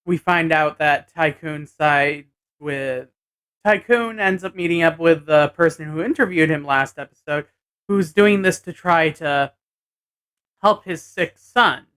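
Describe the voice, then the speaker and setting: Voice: mid-range voice, a little slow, fairly bright tone, clear, resonant tone. A person giving a casual episode recap vlog, hesitantly thinking aloud as they go. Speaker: anime and tokusatsu episode reviewer.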